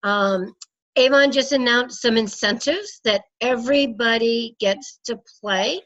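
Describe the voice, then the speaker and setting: A woman's voice: fairly high pitch, a little slow, fairly bright tone. Congested middle-aged woman on a call. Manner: chatty, rambling with many fillers. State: congested, sick. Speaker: team leader. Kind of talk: casual video call meeting. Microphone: video call. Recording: dull lo-fi call audio with faint noise.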